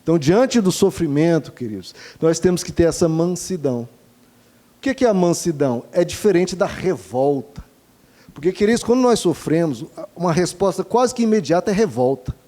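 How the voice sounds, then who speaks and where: Brief: male pastor, fairly high-pitched but mellow, earnest rhetorical sermon delivery. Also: expressive, normal speed. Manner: earnest, rhetorical questions, addresses congregation as dear ones.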